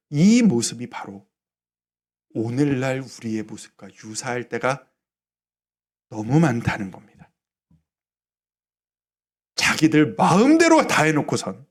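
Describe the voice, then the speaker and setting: A male pastor preaching a Sunday sermon, acting out the prayers and words he quotes. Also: mid-range voice.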